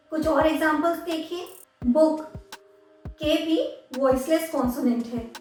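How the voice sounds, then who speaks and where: A woman teaching English pronunciation in a slow, explanatory way, spelling words out letter by letter and repeating them. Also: sits high, far from the mic. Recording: echoey room with faint music, voice set back from the mic.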